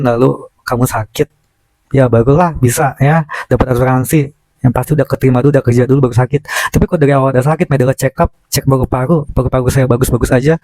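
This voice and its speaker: A man's voice: mid-range voice, dark tone, no room sound, low-quality recording. A forty-year-old man with a speech impediment on his R, chatting casually and personally to his followers as a content creator, sometimes hard to follow. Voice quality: speech impediment on R, cannot pronounce r properly. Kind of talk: casual confessional chat to followers.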